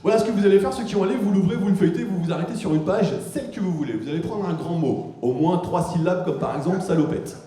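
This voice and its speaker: A man on stage doing crowd work during a comedy mind-reading act, ribbing audience members with quick jokes. His voice sits fairly high, and it rings out through a very echoey hall from a handheld mic. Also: warm tone, a little hiss or hum. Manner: teasing, joking, quick-witted crowd work. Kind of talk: live stage banter with the audience. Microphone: handheld microphone.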